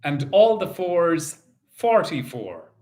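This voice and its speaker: A man working as a bingo caller, calling out numbers in set phrases and repeating each in a measured, sing-song way. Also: fairly high pitch, sing-song, darkish tone.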